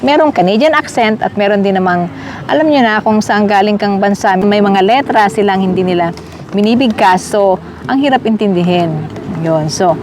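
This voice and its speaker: A woman's voice: mid-range voice, moderate pace, noisy background. A middle-aged woman from the Philippines talking casually to her viewers while walking through a park. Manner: chatty, addresses viewers as guys. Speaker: vlogger. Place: outdoors in a park.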